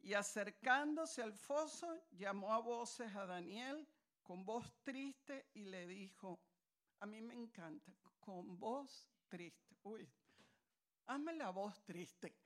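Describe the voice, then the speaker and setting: A woman's voice: mid-range voice, expressive, takes it slowly, fairly bright tone. A woman preaching a sermon in a conversational, storytelling way, with asides to her listeners.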